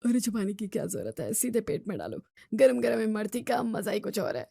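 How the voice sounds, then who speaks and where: A woman's voice: on the high side, moderate pace, no echo, lightly acted. A woman voicing a stubborn, greedy diabetic father-in-law in his sixties. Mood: coaxing. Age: 60s. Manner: coaxing, stubborn.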